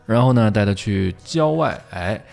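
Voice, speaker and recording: Deep-voiced male teacher, casual lesson; chatty, self-correcting, faint music underneath. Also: lively intonation, moderate pace, gravelly, a little mellow. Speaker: English teacher. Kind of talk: casual online English lesson.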